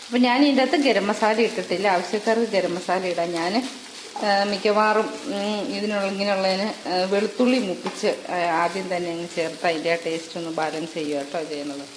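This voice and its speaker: A chatty woman talks her viewers through a home recipe in an easy, conversational way, often tagging a little question onto her sentences. Her pitch sits in a middle range. Faint background noise stays under her voice. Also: fairly even intonation, fairly quick, reverberant. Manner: chatty, adds a tag to most sentences. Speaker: cooking vlogger. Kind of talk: casual cooking chat.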